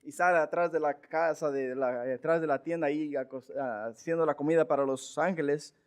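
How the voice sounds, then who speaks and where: A man's voice: on the high side, fairly even intonation, brisk, smooth. A male pastor giving a Bible study sermon, earnest and emphatic, often asking his listeners rhetorical questions.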